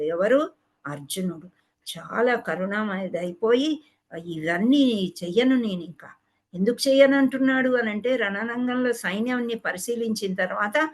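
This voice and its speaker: A woman teaching a spiritual class on scripture, asking questions and answering them herself, mixing English words into her explanations. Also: medium pitch.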